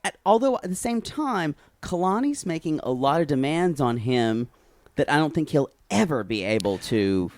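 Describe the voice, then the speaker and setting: A giggly, campy man trades quick asides while co-hosting a casual podcast recap. His voice sits a little high and swings widely in pitch. The recording is dry and close, with no room sound. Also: lively intonation, darkish tone, no echo. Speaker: podcast co-host.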